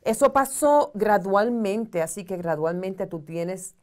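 A woman's voice: medium pitch, animated, slow pace, a little mellow. A middle-aged woman speaking earnestly as a guest on a studio advice talk show, counseling and explaining in a conversational way. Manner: earnest, counseling, gestures widely while explaining. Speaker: social communicator guest. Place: studio set in armchair.

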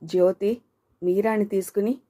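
A woman narrating an audio novel in steady, measured scripted storytelling. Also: mid-range voice.

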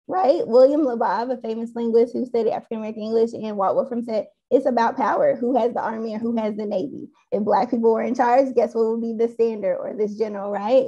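A woman's voice: on the high side, a little mellow. A woman speaking as a panelist on a video call, candid and thoughtful, with frequent "um" and "like". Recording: dull lo-fi video call audio.

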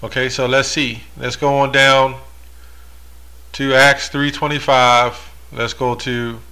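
A man's voice: medium pitch, pushed and bright. A man reading Bible verses aloud and explaining them in a monologue, with rhetorical asides. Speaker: religious commentator.

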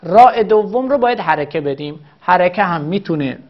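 Woman teaching grammar step by step, low-ish voice, patient, kinda muffled lo-fi audio. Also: expressive. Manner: patient, methodical, repeats examples slowly. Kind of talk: recorded grammar lesson.

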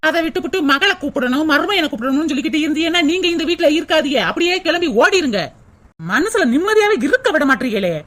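Woman doing a cartoon daughter-in-law, high voice, quick and mocking. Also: lively intonation, a bit bright. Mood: scolding. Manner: fast and mocking. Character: sharp-tongued daughter-in-law bossing her mother-in-law. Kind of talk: cartoon voice acting.

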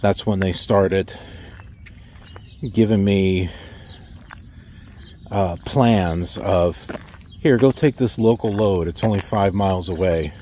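Slow, low-voiced middle-aged man outdoors. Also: warm tone, a little hiss or hum. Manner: wry, rhetorical questions, mocks company replies. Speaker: truck driver vlogger. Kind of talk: casual talk to camera. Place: outdoors in a parking lot. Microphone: phone held at arm's length.

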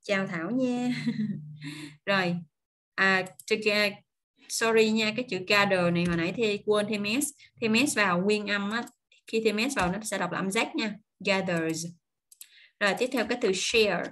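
A woman teaching English pronunciation online, drawing out model words slowly and then explaining in quick, chatty asides. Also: medium pitch, fairly bright tone. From Vietnam.

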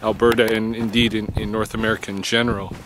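On a night hike through an open field, a middle-aged male vlogger thinks aloud to his camera, held close to his face. His lowish voice is unhurried and level, halting and reflective with long pauses. Loud wind buffets the noisy outdoor mic.

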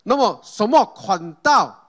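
High-voiced man preaching a sermon. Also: very animated, slow pace, a bit bright. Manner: calls out Amen and Hallelujah to the congregation; asks the congregation questions and leads group reading.

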